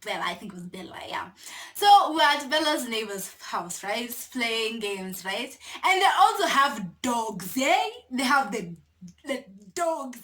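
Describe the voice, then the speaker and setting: A young Kenyan woman, a vlogger, tells a casual story to her camera, animated and laughing as she sprinkles Swahili slang into her English. Her voice runs on the high side and her delivery is a little slow.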